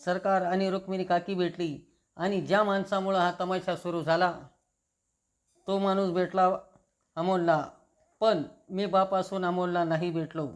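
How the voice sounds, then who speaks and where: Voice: medium pitch, flat delivery, a little slow, pauses often, lightly acted. The narrator reading the lines of an irritated father who works as a government officer, speaking curtly and bitterly. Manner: curt, bitter complaining.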